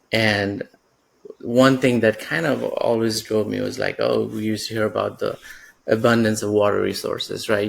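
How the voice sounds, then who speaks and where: Fairly low-pitched with some vocal fry, this man talks through his career as a podcast guest. He's from Nepal, in his thirties, and his reflective interview answers are full of fillers and restarts.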